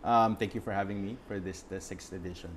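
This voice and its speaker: Young man, slightly low pitch, reflective, hesitant, interview guest. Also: fairly even intonation, fast. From Philippines. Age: young adult. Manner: reflective, searching for words with many fillers. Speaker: guest photographer. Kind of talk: interview answers.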